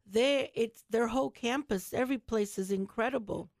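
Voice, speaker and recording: A woman hosting a talk show, with a somewhat high voice and a dry, close sound. She talks in a chatty, effusive way and praises her guests warmly. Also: moderate pace, no echo.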